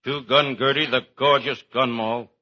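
An actor playing a wisecracking hard-boiled cop detective with deadpan delivery in an old-time radio comedy. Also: male voice, medium pitch, moderate pace, lightly acted. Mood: wry. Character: wisecracking hard-boiled private-eye cop, Sam Shovel. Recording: muffled, very noisy old radio recording.

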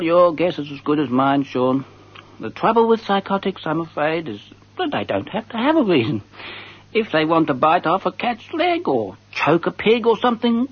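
An earnest man hosts a comic radio advice segment. His husky voice swings widely in pitch as he speculates darkly with mock seriousness. The sound is a little dull, like radio. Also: full character voice. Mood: gravely certain. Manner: mock-serious, conversational, deliberate. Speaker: advice show host reading listeners' letters. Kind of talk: comic radio monologue, reading and answering letters. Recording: slightly dull radio recording.

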